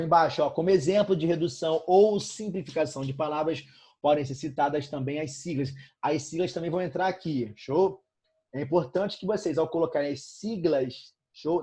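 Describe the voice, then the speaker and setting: A man with a Brazilian Portuguese accent teaching a live online grammar review, energetic and checking in constantly with his students. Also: fairly high pitch.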